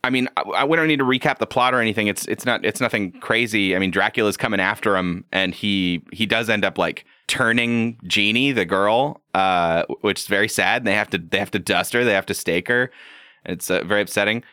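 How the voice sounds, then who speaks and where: Bright-voiced man chatting about comics. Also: on the low side, brisk, clear, resonant tone, no room sound, clean studio sound. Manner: laughing, jokey, animated retelling. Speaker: podcast co-host. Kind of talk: casual comic-book chat.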